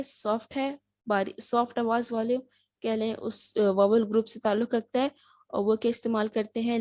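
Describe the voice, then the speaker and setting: A woman's voice: a little high, mellow, no echo, clean studio sound. A woman teaching a spoken language lesson, patient, repeating words and asking herself questions as she explains. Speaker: Turkish teacher.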